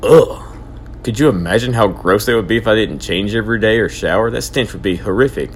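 An actor playing an excitable young man who rants theatrically about his odd grudges. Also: lowish voice, fairly quick, slight background noise, close to an everyday voice. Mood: goofy. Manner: dramatic, ranting, overblown. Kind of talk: hobby audio drama.

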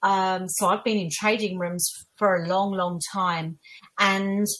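A middle-aged woman with an Essex accent talks as an interview guest. She is candid and emphatic, often repeating a word to stress it, and keeps a conversational tone at a medium pitch. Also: little pitch movement, slow pace, fairly bright tone. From Essex, England. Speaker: podcast guest, tutor and former equities trader.

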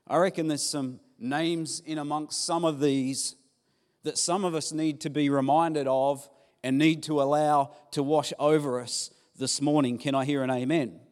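A man preaches a sermon in a church, rousing the congregation with enthusiasm. His delivery is slow and measured. The sound rings with a long hall echo. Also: a little high, steady tone. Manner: warm, enthusiastic, audience-rousing. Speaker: pastor.

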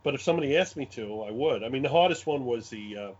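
A man with a Brooklyn accent chatting casually in an animated, rambling way, often repeating his phrases. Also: medium pitch, fast, slightly rough. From Brooklyn, New York. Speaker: guest, game scenario designer. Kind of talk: casual chat, anecdotes. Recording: dull lo-fi audio.

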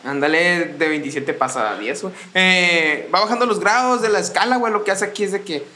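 A young man with a Mexican accent and a high-pitched voice that rings bright and edgy. He co-hosts a casual podcast, laughing often and rambling through explanations in heavy slang. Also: lively intonation, a little fast. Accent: Mexican Spanish. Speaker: podcast co-host. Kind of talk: casual music review chat.

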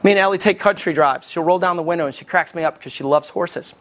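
A man, preaching a sermon as lead pastor from Alabama with folksy, animated storytelling. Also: fairly high pitch, quick pace.

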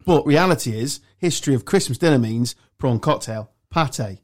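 An English man in a loose podcast chat, joking and swearing as he argues his corner. His voice sits at an ordinary middle pitch. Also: lively intonation, normal speed. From England. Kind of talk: casual podcast banter.

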